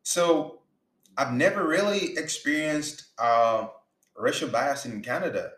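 With a voice on the high side and a bit bright, a Ugandan man takes his time delivering an earnest motivational talk on faith and business. He repeats words for emphasis, and the recording carries a roomy echo.

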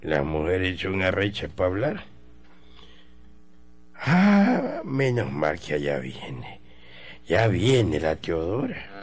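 A man's voice: low-pitched, sing-song, takes it slowly, pauses often, soft background music, exaggerated voice. A man playing a stingy, grumbling old rancher in a radio comedy sketch, drawling and exasperated.

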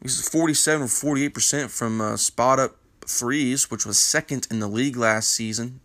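This man's voice sits at medium pitch with a fairly bright tone, moving at a moderate pace with no echo. Stuffed up on a morning sinus infection, he hosts a basketball news panel casually, wandering off track, full of fillers and strong opinions.

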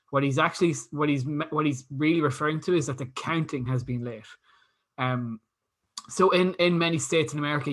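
A man chats casually as host, telling stories with a laugh in his voice. His tone is bright and lively, with a husky edge to it. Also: medium pitch. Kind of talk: casual chat.

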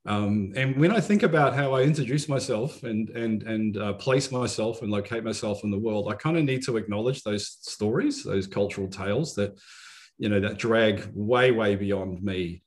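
A man in his fifties speaks in a fairly low voice with a New Zealand accent. He introduces himself in a reflective, conversational style, pausing often as he goes in a measured, halting flow. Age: 50s. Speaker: podcast guest.

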